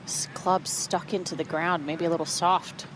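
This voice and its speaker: A woman's voice: lowish voice, fairly even intonation, moderate pace, low-quality recording. A woman giving live on-course golf commentary in an outdoor broadcast. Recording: outdoor broadcast with clear background noise.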